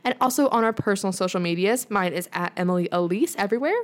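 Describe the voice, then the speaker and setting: A young woman co-hosts a casual podcast from an office in her apartment, speaking quickly in a mid-range voice. She's chatty and upbeat, her talk full of "like."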